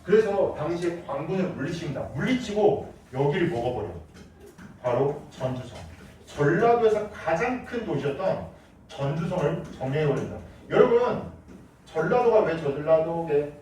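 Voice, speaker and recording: Male history teacher quizzing his class, animated, heard from a distance in a reverberant classroom. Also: a little high, normal speed, slight background noise. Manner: lively, asks students questions. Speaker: middle school history teacher. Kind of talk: classroom lecture. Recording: echoey classroom from far off.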